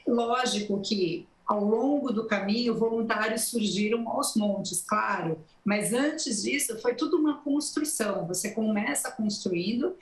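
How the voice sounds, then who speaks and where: A journalist and election marketing consultant answering interview questions in an explanatory, steady way, with a Brazilian accent from the São Paulo interior. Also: female voice, on the high side, a little slow, few pauses, roomy sound, poor audio. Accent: São Paulo interior Brazilian Portuguese. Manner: explanatory, steady, many "né" tags.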